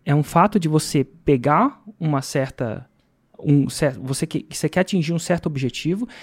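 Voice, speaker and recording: Animated high-voiced Brazilian man. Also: moderate pace, husky. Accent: Brazilian Portuguese. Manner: animated storyteller, laughs often. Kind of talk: casual chat.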